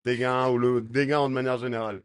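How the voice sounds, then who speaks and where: A man giving measured, thoughtful answers in a street interview. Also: medium pitch, flat delivery, clean tone, dry recording.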